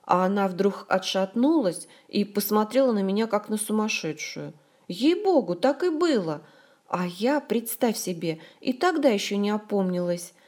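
A woman narrator voicing an emotional young woman friend who chatters in excited rushes and exclamations on the phone, in an audiobook. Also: medium pitch, lightly acted. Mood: indignant. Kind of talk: audiobook character voice.

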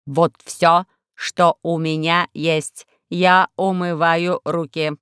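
A woman's voice: lowish voice, level tone, slow, a bit bright, smooth, no echo. A melodramatic robot servant, played by a woman reading a children's book aloud, who drags out his words in a wail. He is fussy and overdramatic. The sound is dry and close to the mic.

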